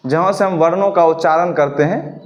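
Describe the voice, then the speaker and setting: A man with a fairly high-pitched voice teaches a classroom grammar lesson. He poses each question, repeats it and answers it himself in a steady call-and-response rhythm. He slows down to dictate definitions for the class to copy. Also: muffled recording. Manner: slow, dictating pace for note-taking. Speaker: Sanskrit teacher.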